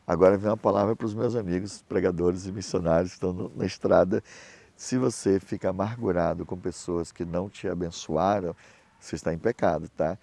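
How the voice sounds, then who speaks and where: The voice sits low and creaky and moves fairly quickly, with no echo. A middle-aged pastor and missionary is preaching, telling animated anecdotes and acting out the people he quotes.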